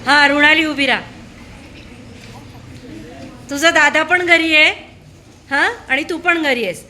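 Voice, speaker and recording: A woman with a high, bright voice questions a room of schoolchildren in casual chat. She coaxes and prods, asking the same thing again until they answer. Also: takes it slowly. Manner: prodding, coaxing with repeated questions.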